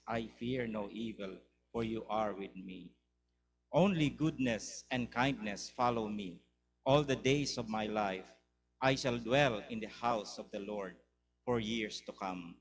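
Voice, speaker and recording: A man's voice: fairly low pitch, noisy background. A man reading a responsorial psalm aloud as a church lector.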